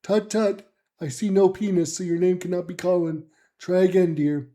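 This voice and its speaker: A man's voice: sits high, fairly even intonation, normal speed, dark tone, close to an everyday voice. A man voicing a fussy, patronizing older village nanny woman. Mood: scolding.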